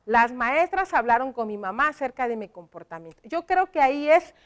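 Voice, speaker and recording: A woman's voice: high voice, sing-song, normal speed. A woman teaching a televised primary lesson, patiently asking the children questions and praising their answers.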